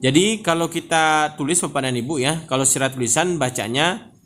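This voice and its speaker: A man teaches Quran reading in a patient, repetitive lesson style. He addresses his listeners often and stretches the example words out slowly. A faint hiss sits behind the voice. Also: on the high side, a bit bright. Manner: patient, repeats "Bapak dan Ibu, ya" often.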